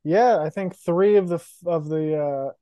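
A man's voice: a little high, moderate pace, mellow, no room sound, lo-fi sound. A young man co-hosting a podcast, chatting casually and with feeling about movies. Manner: emotional, enthusiastic about films. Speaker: podcast co-host. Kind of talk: casual chat.

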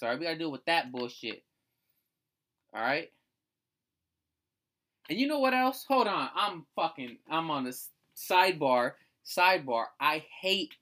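A woman's voice: deep voice, fairly bright tone. A woman from the United States hosting a casual solo rant, blunt and profane, repeating herself for emphasis.

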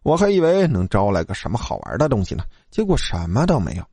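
A man voicing a superstitious, hot-tempered male college student who talks gruffly and swears. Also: on the low side, wildly swooping pitch, quick pace, a little mellow, no room sound, pitched below the performer's own voice, exaggerated voice. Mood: offhand.

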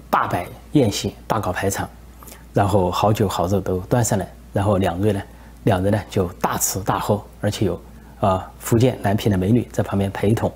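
A male political commentator spinning a satirical tale in a relaxed storytelling way, with frequent hesitations. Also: on the low side, slight background noise.

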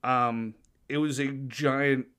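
A man's voice: medium pitch, fairly even intonation, slow, fairly bright tone, clear, resonant tone. A man, a flight paramedic guest, talking in a rambling casual way with many fillers. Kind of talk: casual chat.

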